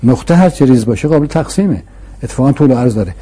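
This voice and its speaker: Man with a dark, husky voice explaining patiently. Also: medium pitch, lively intonation. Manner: patient, emphatic, uses rhetorical questions and repetition. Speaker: scholar explaining philosophy to an interviewer. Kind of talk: explanatory conversational lecture.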